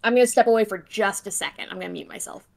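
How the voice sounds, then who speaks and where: A woman's voice: medium pitch, very fast, creaky. A woman casually chatting as co-host of a game stream, cheerful and encouraging. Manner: cheerful, encouraging, laughs easily. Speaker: co-host watching the playthrough. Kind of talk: casual chat.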